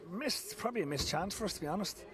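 A man in his forties with an Irish accent, a football manager speaking frankly after a match, restarting his sentences often, into a handheld mic outdoors on a pitch at night. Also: lively intonation, quick pace, a crowd in the background. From Ireland. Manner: frank, repeats himself, many restarts. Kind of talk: post-match interview. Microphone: handheld mic held close.

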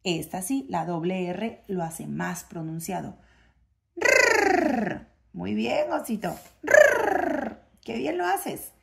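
A woman's voice: on the low side, lively intonation, a little slow, creaky, few pauses, a little mellow, a little hiss or hum. A woman, reading a phonics book aloud to a child and sounding out the letter sounds in a sing-song way.

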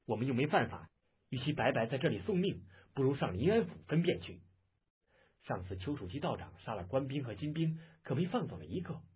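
A man voicing a sober elder sworn brother, talking in a measured, reasoning way. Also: medium pitch, breathy edge. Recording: muffled, phone-like lo-fi audio.

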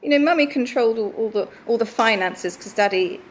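A young woman plays a sweet pantomime heroine. Her voice is fairly high, demure and a little hesitant, with naive politeness. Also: a little fast, natural voice. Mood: sweet, awkward. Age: young adult. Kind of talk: comic pantomime mock interview.

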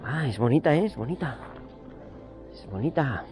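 A man in his forties hosts a fishing vlog outdoors by a lake, talking eagerly and exclaiming often at a normal speed. His mid-range voice is expressive, music plays in the background, and he's recorded up close on an action camera.

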